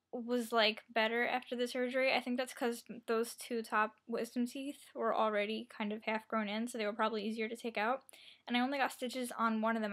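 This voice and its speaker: Young woman chatting casually, slightly high voice. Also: fairly bright tone. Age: young adult. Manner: rambling, self-deprecating, quoting herself and others. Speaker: vlogger. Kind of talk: casual chatty personal storytelling.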